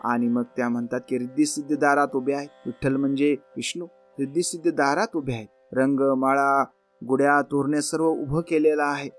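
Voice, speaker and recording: A man hosting a lecture-style talk, explaining stories and slowly, dramatically reciting devotional verses. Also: medium pitch, steady tone, soft background music. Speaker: podcast host, lecturer on saint poetry.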